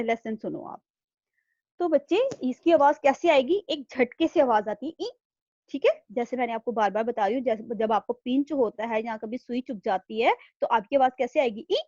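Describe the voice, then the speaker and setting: A woman's voice: a little high, moderate pace, a little mellow, no echo, muffled recording. A woman teaching an online class to young children, patient and repeating herself. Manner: patient, repeats "thik hai?" after nearly every line. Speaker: primary school teacher. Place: home room, online video class.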